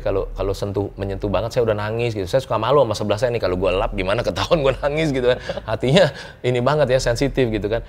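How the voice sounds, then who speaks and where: Low-voiced joking business coach. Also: male voice. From Indonesia. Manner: lively, joking storyteller who chuckles often and slips in English words. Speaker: business coach, interview guest. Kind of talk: casual interview storytelling.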